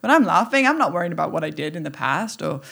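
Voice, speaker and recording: A woman's voice: deep voice, very animated, quick pace, gravelly, a bit bright, slightly rough. A woman podcast guest talking animatedly, playful and exuberant, acting out little scenes as she goes. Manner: playful, exuberant, acts out scenes with squeals and laughs. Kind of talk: animated conversational talk.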